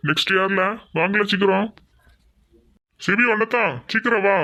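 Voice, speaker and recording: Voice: mid-range voice, bright, forceful tone, slight background noise. A man voicing a stern, impatient lab teacher who scolds his students. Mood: scolding. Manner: scolding, hurried orders.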